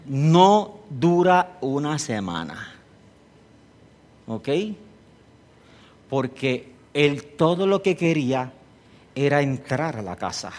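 A man preaching a sermon, telling stories in an animated way and rising to emphatic peaks. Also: medium pitch, slow, long pauses.

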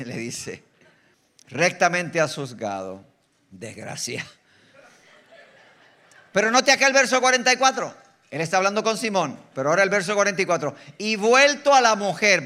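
A man with a Puerto Rican accent preaching an animated sermon as a guest preacher, teasing the congregation and swinging between loud bursts and quiet asides. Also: high voice. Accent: Puerto Rican Spanish. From Puerto Rico. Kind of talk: lively sermon. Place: church sanctuary.

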